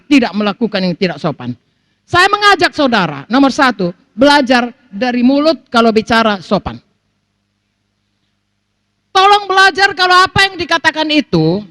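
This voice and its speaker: Middle-aged woman pastor, lively swooping delivery, dry close sound. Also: sits high, no echo. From North Sumatra. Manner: animated preaching, acts out quoted voices, keeps addressing the congregation. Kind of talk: sermon.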